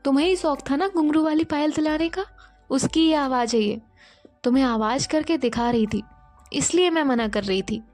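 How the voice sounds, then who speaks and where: A young woman teacher who scolds with a teasing edge, as a woman narrator voices her. The voice is fairly high, with faint music underneath. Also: moderate pace, darkish tone, close to an everyday voice. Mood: scolding.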